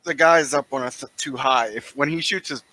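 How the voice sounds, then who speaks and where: A man's voice: medium pitch, moderate pace, pushed and bright, rough recording. A man taking part in a tabletop game, talking casually about his moves.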